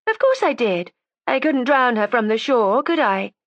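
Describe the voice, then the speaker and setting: A woman's voice: on the high side, very animated, normal speed, no room sound, muffled recording, voice pushed up. A woman playing a defiant, sarcastic young woman. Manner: sarcastic, combative. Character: defiant resentful young woman making a false confession. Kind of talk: audiobook character voice.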